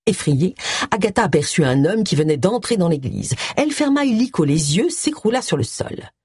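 A woman reading a novel aloud in an expressive storytelling manner. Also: fairly low pitch, moderate pace, husky, dry recording, clean studio sound. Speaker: audiobook narrator. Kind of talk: scripted narration.

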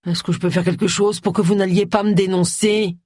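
A reader voicing a pompous, blustering male agency boss who talks slowly and emphatically, in an audiobook. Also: high-pitched, sing-song, husky, dry recording, clean studio sound, heavily acted.

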